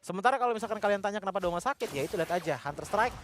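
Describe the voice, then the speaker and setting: Indonesian man, high-pitched voice, live esports commentary, flowing wordy analysis, faint background noise. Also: lively intonation, rapid-fire, a bit bright.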